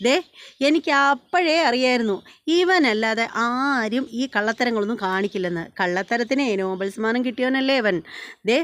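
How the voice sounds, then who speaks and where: Woman doing a taunting young guy in a family fight, sharp and scolding, talks up high. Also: moderate pace, lightly acted. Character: angry scolding young man in a family quarrel.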